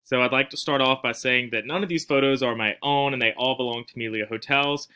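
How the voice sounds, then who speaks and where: A man's voice: mid-range voice, steady tone, a little fast, sharp tone, clear, resonant tone. A man giving a casual recorded class presentation, with frequent fillers and restarts. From not from Spain. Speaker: student presenter.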